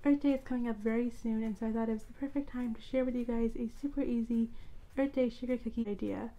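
A young woman hosts her own cooking channel from a room at home, talking viewers through an easy recipe step by step in an upbeat, chatty way. Her slightly high voice is warm and steady, she talks fast, and the highs are cut off.

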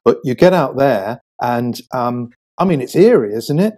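An English man, a guest author, describing places in a lively, animated storytelling manner during a casual conversation. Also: medium pitch, moderate pace. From England.

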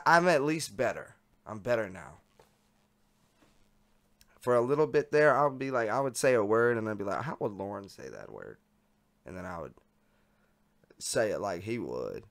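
A man's voice: mid-range voice, fairly bright tone. A man reading chat logs aloud in a casual, unedited way, breaking off to ramble and mock himself, swearing a lot.

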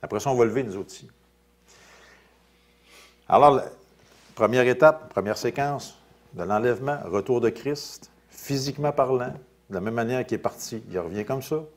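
A male pastor with a Quebec French accent preaching a sermon, reading scripture aloud and commenting in quieter, casual asides. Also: mid-range voice, moderate pace, long pauses. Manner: lively preaching, rising loud on scripture then dropping to quiet asides.

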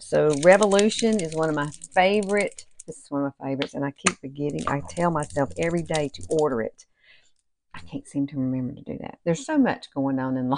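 A Southern US woman in her fifties chats casually and folksily through a makeup tutorial, like a beauty vlogger talking to her girlfriends. Her voice is lowish with vocal fry, and she's in a small room at home.

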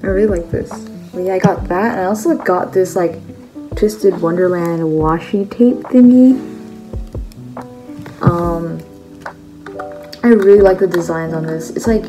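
Speaking a little slowly and pausing often, a teenage girl from China describes her merch haul in a lowish voice. The casual vlog is shot at close range on a phone camera at a table in her bedroom, the audio rough and backed by music. Her talk is loose and chatty, packed with fillers and "like"s.

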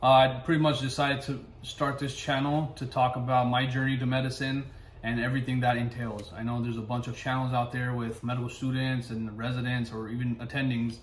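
His voice is flat and mid-range, moving a little fast, as this young adult vlogs about his life from an echoey living room. He's a medical resident, born in Pakistan and raised in the US, sitting in front of the camera and chatting casually with plenty of fillers and hand gestures. Slight background noise is present.

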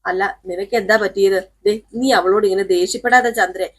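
A woman voicing a middle-aged husband who calms his wife in a slow, placating way. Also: medium pitch, slightly rough, lightly acted.

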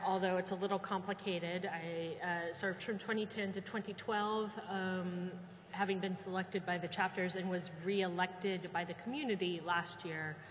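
A woman's voice: mid-range voice, a bit bright, a little hiss or hum. A woman, a librarian on a board, introducing herself plainly and matter-of-factly. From California. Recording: conference hall reverb.

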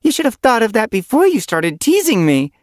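A man voicing a playful young female apprentice cat in an audiobook, teasing and lively. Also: very high voice, a little fast, no echo, clean studio sound, voice pushed up, heavily acted.

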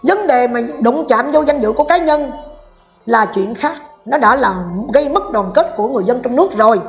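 A woman's voice: high-pitched, expressive, a little fast, faint music behind. A woman vlogger, delivering a heated, combative rant and scolding while speaking directly to her viewers.

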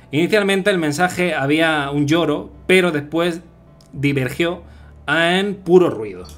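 A man's voice: on the high side, fairly bright tone. Chatty man streaming a game. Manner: loose, rambling, filler-heavy reading. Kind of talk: live gameplay commentary and on-the-fly translation. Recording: music playing behind.

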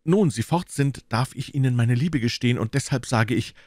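A man's voice: mid-range voice, normal speed, darkish tone, no echo, voice pushed up, natural voice. A man reading aloud and voicing an earnest, heartfelt Victorian doctor in a voice close to his own. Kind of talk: audiobook reading.

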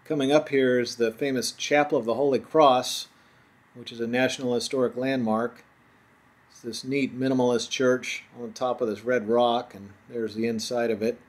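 A man narrating his own road trip as a travel voice-over, in a relaxed, chatty tour-guide manner. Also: medium pitch, normal speed.

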